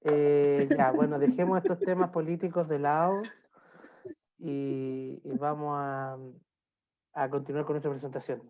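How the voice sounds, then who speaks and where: A man with a Chilean Spanish accent gives an online presentation about beer as a sommelier, his voice on the high side and a little slow. He's relaxed and friendly, chatting in a lecture style with plenty of hesitations and "eh" fillers. It's picked up by a computer mic on a video call, so the audio is dull and lo-fi.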